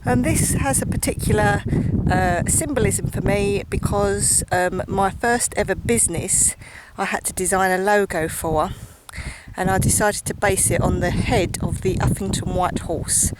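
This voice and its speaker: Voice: medium pitch, unhurried. A person with an Essex accent giving a chatty, casual nature vlog narration while out on an open hillside. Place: outdoors on an open countryside hillside. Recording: noisy outdoor recording with ambient noise.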